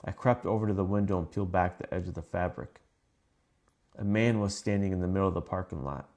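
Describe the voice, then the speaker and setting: A man reading scripted first-person horror stories in a calm, measured way. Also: sits low. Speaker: narrator.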